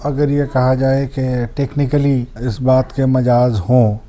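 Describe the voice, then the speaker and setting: A man's voice: mid-range voice, little pitch movement, warm tone. A man, a guest poet, talking about poetry in a humble, courteous way and quoting verse. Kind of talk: reflective conversation on poetry.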